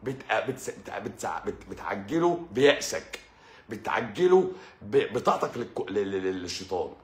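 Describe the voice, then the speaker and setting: Lively Egyptian man in an echoey room. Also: fairly low pitch, normal speed. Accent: Egyptian Arabic. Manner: lively, addresses listener directly, repeats and stammers. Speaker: channel host. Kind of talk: religious talk to a listener.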